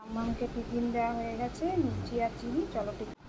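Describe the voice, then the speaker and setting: A woman's voice: a little high, level tone, fast talker. A woman, chatting casually through her household routine as a home vlogger. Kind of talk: casual home vlog narration. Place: home, garden, balcony and kitchen. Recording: loud background noise from cooking.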